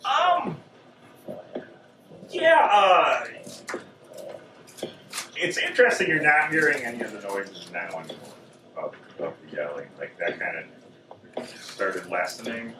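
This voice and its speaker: A man with a medium-pitched voice narrates a tabletop horror game as game master, describing scenes in a loose, wandering way. His pitch swings widely, his pace is measured, and he leaves long pauses. The recording comes from a convention gaming room and sounds echoey, distant and noisy.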